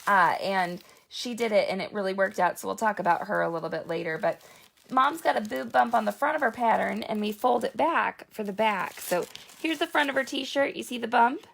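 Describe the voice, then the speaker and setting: A woman's voice: medium pitch, brisk, creaky. A woman hosting a live sewing broadcast, chatty and self-mocking, talking through a chest cold. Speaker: sewing show host.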